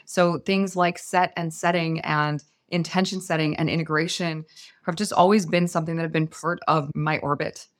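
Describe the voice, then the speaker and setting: A woman's voice: low voice, steady tone, moderate pace. An American woman from the San Francisco Bay Area, telling her personal story conversationally as a podcast guest. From San Francisco Bay Area, USA.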